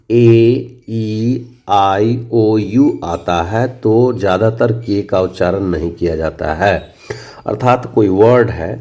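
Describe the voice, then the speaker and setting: Deep-voiced man teaching a lesson. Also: warm tone. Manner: repetitive, asks and answers own questions. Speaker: English teacher. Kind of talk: spoken English lesson.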